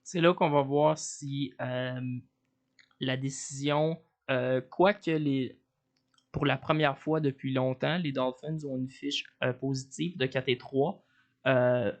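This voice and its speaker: A man with a Quebec French accent, co-hosting a sports podcast in casual chat, opinionated but halting with fillers. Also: mid-range voice, fairly even intonation.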